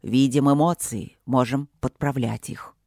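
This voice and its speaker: Calm deep dragon lord, slow soothing talk, as the audiobook reader puts him on, dry close sound. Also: no echo, close to an everyday voice. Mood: serene.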